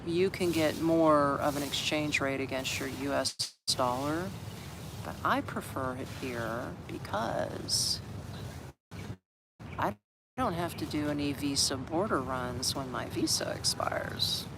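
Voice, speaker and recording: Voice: mid-range voice, slow pace, vocal fry. Rambling older American vlogger outdoors. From USA (Orlando, Florida). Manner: rambling, chatty, reads out viewer comments. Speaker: livestream vlogger. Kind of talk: casual live chat with viewers. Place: open shed in a city park, outdoors. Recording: outdoor street traffic noise. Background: street traffic.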